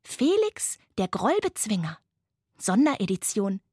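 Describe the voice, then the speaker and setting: A woman's voice: high-pitched, very animated, measured pace, no echo, clean studio sound, voice pushed up. A woman voicing a bold, spirited girl who rides a dragonfly. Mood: eager.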